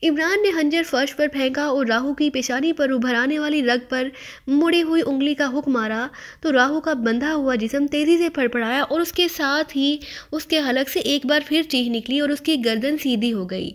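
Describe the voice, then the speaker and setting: A woman narrating a thriller audiobook with steady, vivid storytelling. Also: high-pitched.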